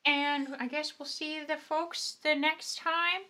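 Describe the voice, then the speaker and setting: A woman's voice: sits high, steady tone, slow, pushed and bright. A woman co-hosting a podcast, chatting casually and offering supportive, encouraging words. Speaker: podcast co-host. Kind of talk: casual chat.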